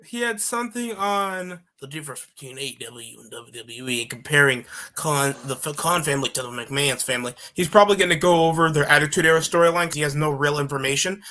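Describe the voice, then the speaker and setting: A man ranting crudely in casual stream chat. His voice sits a little high with a bright, cutting tone. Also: quick pace, hardly any pauses. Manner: crude, ranting trash talk.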